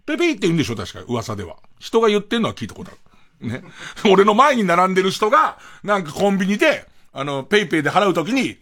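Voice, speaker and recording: A man's voice: high-pitched, sing-song, fast, fairly bright tone. A man hosting a late-night radio show, rambling through a comic anecdote and acting out the dialogue. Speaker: radio host. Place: radio studio.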